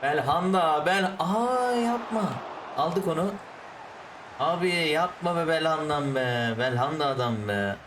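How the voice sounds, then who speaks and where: A man's voice: a little high, measured pace, reverberant, distant mic, background noise. Exasperated man ranting over a football game. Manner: exasperated, ranting at the referee and players; switches to calm explaining of tactics. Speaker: gaming YouTuber. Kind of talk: live football game commentary.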